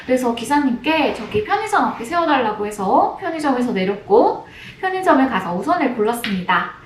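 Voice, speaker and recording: A young woman, a former announcer job seeker, calmly tells a personal story in a measured way to her vlog audience. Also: a little high, slight background noise. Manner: calm, measured, with occasional restarts. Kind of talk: casual personal storytelling to camera. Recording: roomy room with faint ambience.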